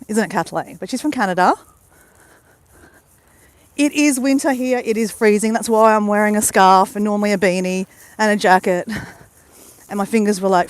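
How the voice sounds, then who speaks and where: An Australian woman rambles cheerfully to her live-stream viewers from a beach at sunrise. Her voice sits in a middle pitch and sounds dry and close on the phone mic. She talks straight to the audience in a loose, chatty way. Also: no echo. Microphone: handheld phone camera.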